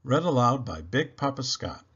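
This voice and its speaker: This man's mid-range voice swings widely in pitch, fairly bright with a breathy edge, at normal speed. He reads a scripted children's adventure story aloud, adding dramatic emphasis to key phrases, captured in dull, lo-fi audio.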